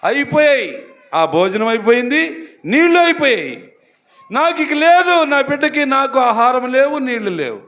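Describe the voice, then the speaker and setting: A man's voice: very high-pitched, very animated, moderate pace, fairly bright tone, full character voice. A destitute mother left in the wilderness pleads in a subdued, sinking voice, as a male preacher acts her out in a sermon. She sounds hopeless and worn down. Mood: despairing. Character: destitute weeping mother abandoned in desert.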